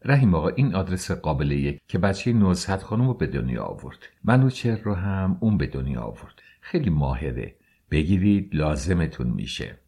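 A man's voice: deep voice, very animated, dark tone, slightly rough, full character voice. A fussy, pleading older woman, as a man reads her. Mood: soothing.

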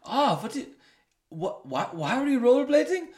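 A jolly doctor with a mock German-sounding accent bounces through every line, high and loud, in an exclamatory manner, as a man imitates him in a podcast story. His voice sits well above the speaker's normal pitch. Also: sing-song, normal speed. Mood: cheery. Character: cheerful middle-aged male doctor, upbeat.

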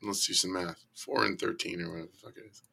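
A man with a croaky, hoarse voice and creaky starts, chatting casually and bluntly as a fantasy sports podcast guest. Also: low voice, fairly even intonation, fast, pushed and bright. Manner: blunt, profane. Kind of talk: casual fantasy football chat.

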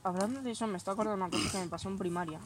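A woman's voice: mid-range voice, rapid-fire, slight background noise. A young woman hosting a casual chat, telling stories animatedly and swearing freely. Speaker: host.

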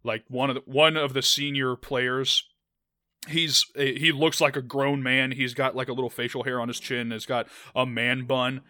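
A man's voice: medium pitch, flat delivery, moderate pace, pushed and bright, no room sound, studio quality. A young man co-hosting a podcast, talking casually and rambling with lots of restarts and "like" fillers. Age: young adult. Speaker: podcast co-host. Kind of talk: casual anime chat.

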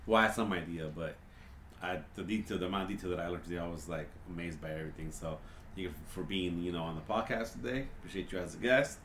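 A man hosting a relaxed podcast, speaking with a somewhat low voice. He talks in a loose, reflective way and keeps filling gaps with "you know". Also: fast talker, slight background noise. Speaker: podcast host. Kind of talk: casual podcast chat.

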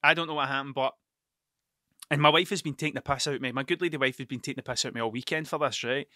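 A man's voice: mid-range voice, fairly even intonation, very fast, sharp tone, no room sound, studio quality. A tired man rambling through a solo podcast, swearing often and stuttering over his words. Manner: sweary, stuttering, restarts sentences. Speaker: podcast host and mural painter.

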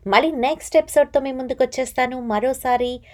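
A woman podcast storyteller reading a novel chapter aloud. She narrates dramatically. At the eerie moments her voice sinks to a hush. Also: sits high, fast talker.

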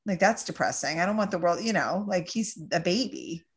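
A Canadian woman in her forties chatting casually as a podcast host, jokey and quick to recap a film plot. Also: fairly low pitch, animated. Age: 40s. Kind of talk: casual chat.

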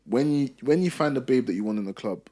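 A man's voice: medium pitch, animated, fast talker, dark tone. A young man with a London roadman accent chatting casually in street slang, repeating his points with emphasis.

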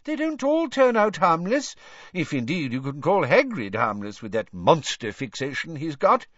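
Brief: a man voicing a fussy official, raised and indignant, lively pitch, dull dry audiobook sound. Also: moderate pace, no echo. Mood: blustering. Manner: blustering, indignant, high-pitched. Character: flustered pompous male government minister.

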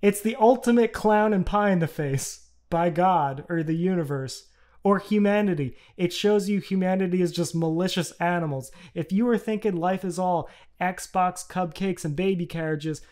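A man's voice: sits high, moderate pace, darkish tone. A man co-hosting a podcast in casual chat, explaining in a blunt, rambling, profane way. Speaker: podcast co-host.

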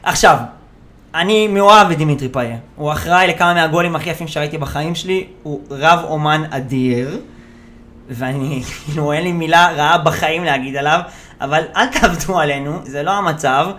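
A man with a fairly high, bright, forceful voice hosts a solo podcast. He rants casually and animatedly about football, full of hesitations and fillers.

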